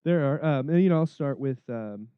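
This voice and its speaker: A man's voice: mid-range voice, animated, normal speed, clean tone, no echo, phone-quality sound. A man co-hosting a gaming podcast in casual chat, laughing often and reading listener questions. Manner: laughs often, reads listener tweets aloud. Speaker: podcast co-host.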